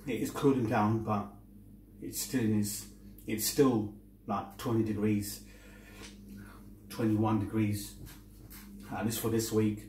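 Guy doing a mukbang, slow casual chat while munching crunchy chips, roomy distant mic. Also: lowish voice, little pitch movement, mellow, slight background noise. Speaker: mukbang vlogger. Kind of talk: casual eating-show chat. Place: small domestic kitchen-dining room, indoors. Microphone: camera across the table.

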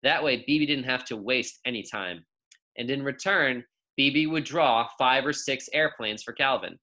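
A young adult man with a mid-range voice reads a children's story aloud as a teacher, delivering it expressively and emphatically and stretching out key words.

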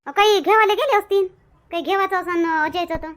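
A woman's voice: extremely high pitch, brisk, fairly bright tone. A woman acting in a village comedy skit, talking in a scolding, chatty way. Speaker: comedy sketch actor.

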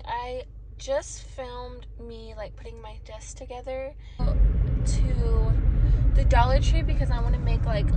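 Higher-voiced young woman vlogger, casual. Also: very noisy. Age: 20s. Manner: informal, rambling. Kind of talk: casual vlog chat.

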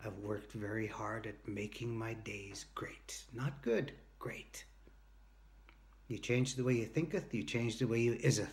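At a measured pace and with a steady tone, a man with a fairly low voice gives an earnest, emphatic motivational talk. He is a workshop leader in his early fifties who tells anecdotes directly to the camera and acts out short quoted exchanges, filmed on a phone or device at arm's length in a home room with a sloped ceiling.

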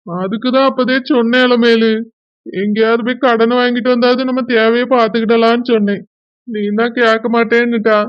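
A woman's voice: on the high side, fairly even intonation, moderate pace, dry recording, lo-fi sound, lightly acted. A woman voicing a young village husband with a Kanyakumari accent, pleading and blaming himself in a village drama. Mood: reassuring. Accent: Kanyakumari Tamil. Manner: pleading, self-blaming lament. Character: young village man, remorseful, tender to wife.

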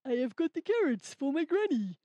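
A woman's voice: high-pitched, big pitch swings, a little fast, warm tone, no room sound. A woman voicing a cheerful, earnest young male rabbit in a children's puppet story, speaking in simple, careful sentences. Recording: slightly dull lo-fi sound.

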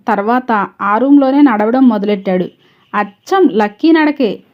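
A woman narrating a serialized story in a steady, measured reading manner. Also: on the high side, muffled recording.

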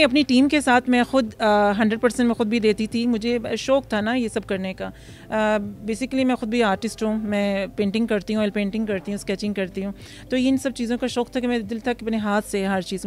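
A woman in her thirties from Pakistan, a restaurant founder answering interview questions outdoors into a handheld mic, pausing often with fillers. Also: on the high side, a little mellow. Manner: hesitant, many fillers, mixes English words. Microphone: handheld mic held by interviewer.

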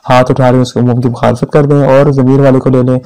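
A man's voice: medium pitch, little pitch movement, quick pace, warm tone, low-quality recording. A male seminary teacher giving a religious law lecture, reading Arabic passages and explaining each one by asking and answering his own questions. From Pakistan. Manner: reads Arabic text then explains it, asking himself questions.

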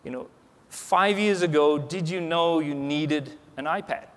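On a large conference stage, a man in his forties speaks at a measured pace in a higher, slightly bright voice. His keynote is chatty, with lots of restarts and "you know." The hall is reverberant.

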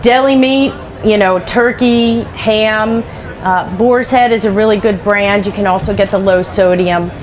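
A woman's voice: medium pitch, steady tone, unhurried. A middle-aged woman chef giving a live cooking demonstration on a trade show stage, talking in a chatty, practical way with lots of asides. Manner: chatty, practical, many "you know" asides. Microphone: headset.

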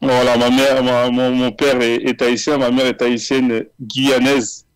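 A man in his thirties from France, a footballer, being interviewed over a video call with earphones, talking in a relaxed, measured way with many fillers. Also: mid-range voice, clear, resonant tone, no room sound, rough recording. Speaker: guest, footballer. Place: small indoor room. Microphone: earphone headset on video call.

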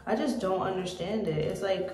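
An American woman in her thirties talking candidly and reflectively to camera in a casual confessional vlog, pausing as she goes and sometimes swearing. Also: medium pitch, a little mellow. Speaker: vlogger. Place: small indoor room. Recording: echoey room with music behind.

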